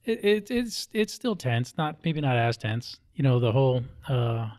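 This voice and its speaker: In a very animated, slightly mellow mid-range voice, a Hawaiian police officer talks a little slowly as an interview guest. He explains things conversationally and frequently checks in with brief tag questions.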